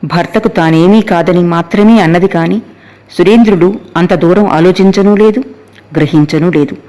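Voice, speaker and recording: A man narrating a novel as an audiobook in a measured, steady storytelling manner. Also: sits high.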